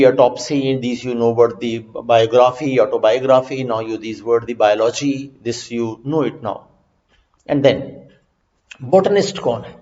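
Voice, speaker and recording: A man teaches vocabulary in an online lesson, blending Hindi and English, reading English definitions slowly and then explaining them quickly. His voice is mid-range with a darkish tone, and the sound is lo-fi.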